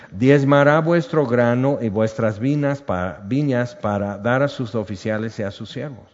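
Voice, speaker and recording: A man with a Mexican accent preaching a sermon, reading scripture aloud and telling stories in an animated way. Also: medium pitch, in a large hall, dull audio.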